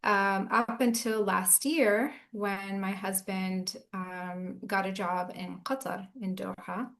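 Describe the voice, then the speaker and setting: A woman's voice: medium pitch, fairly even intonation, takes it slowly. Reflective woman chaplain. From Southern California. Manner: reflective, earnest storytelling. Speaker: chaplain, guest. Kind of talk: casual interview talk.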